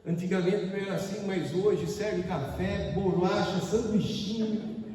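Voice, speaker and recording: A Brazilian pastor with a high voice preaches a lively sermon, acting out the people he describes. He is heard from a distance in a church hall, with a long, ringing echo around him. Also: measured pace. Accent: Brazilian Portuguese. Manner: animated, acts out voices and exclamations. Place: church hall during a service. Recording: echoey hall, mic far off.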